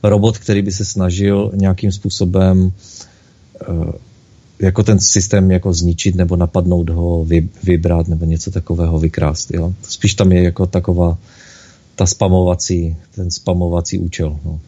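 A man's voice: low voice, little pitch movement, dark tone, husky. A man hosting a casual chat, talking hesitantly with many filler sounds. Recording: dull lo-fi recording.

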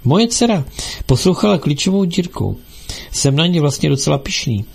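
A man's voice: animated, gravelly, a little mellow, husky, full character voice. A man voicing a panicky, fawning middle-aged male prisoner who whines and pleads in a raised voice, within an audiobook reading. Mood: panicky whining. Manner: whining, high-strung and pleading.

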